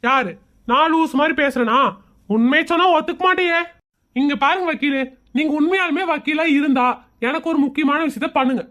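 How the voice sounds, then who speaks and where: Comedy skit: man as sarcastic, fed-up husband, high-pitched voice, Kongu Tamil accent, argumentative and mocking. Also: fairly quick, bright, forceful tone. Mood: indignant sarcasm. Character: exasperated, sarcastic husband who mocks everyone around him.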